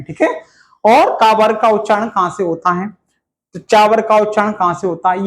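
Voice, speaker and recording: In a classroom, a male Hindi teacher with a high-pitched voice teaches in a lively question-and-answer style, drilling his students with repeated questions. The recording is low quality and sounds roomy.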